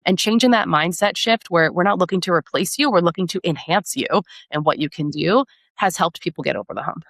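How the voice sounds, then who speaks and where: A product marketing director appears as a podcast guest, speaking in a conversational interview where she explains things and often checks in with tag questions. Her voice is fairly low, fairly quick, creaky and fairly bright. The studio recording is clean, with no room sound.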